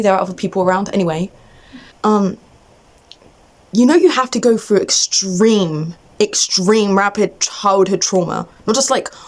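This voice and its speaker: Venting casually and off the cuff, this young adult woman vlogger sounds agitated and exasperated, often breaking off mid-thought as she speaks to camera. Her voice is on the lower side.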